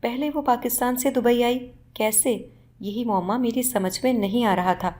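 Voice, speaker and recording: A woman narrating a scripted first-person moral story in a steady, measured reading. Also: on the high side.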